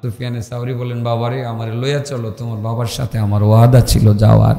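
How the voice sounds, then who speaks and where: A man's voice: medium pitch, flat delivery, a little fast, gravelly, mellow, soft background music. Male waz preacher who slides into a sung chant at peaks; recorded over a PA with a roomy, reverberant hall sound. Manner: shifts into a sung, chanting delivery at climaxes. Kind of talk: waz sermon storytelling. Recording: echoey hall with long reverb.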